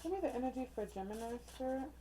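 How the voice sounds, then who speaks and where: Her voice is high and animated, moving quickly over some background noise as she does a casual oracle card reading indoors under a ring light. This tarot reader talks right to her viewers, chatty and upbeat, tossing in slang, softened swear words, and plenty of "okay?" check-ins.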